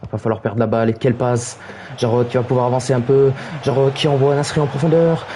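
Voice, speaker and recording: A young man streaming his football video game, giving play-by-play commentary in a low calm voice that rises to high shouted calls on goals. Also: fast talker, a little hiss or hum.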